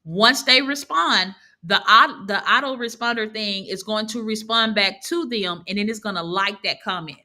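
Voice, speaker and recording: A woman's voice: medium pitch, moderate pace, few pauses, bright, forceful tone. A woman teaching an online class in a casual, chatty way, laughing easily and correcting herself as she goes. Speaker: online course instructor. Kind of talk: casual live teaching over screen share.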